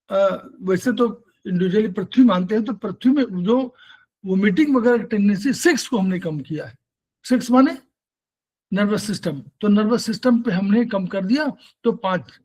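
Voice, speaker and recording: Husky high-voiced man explaining acupressure. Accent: Hindi-speaking North Indian. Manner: repetitive, self-correcting, asks and answers own questions. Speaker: acupressure teacher. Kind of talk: explanatory lecture.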